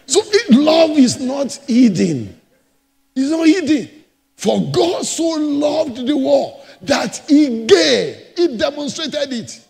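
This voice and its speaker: A pastor preaching a sermon, emphatic and repetitive, moving between loud and soft passages. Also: male voice, extremely high pitch, big-room sound. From Nigeria. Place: church.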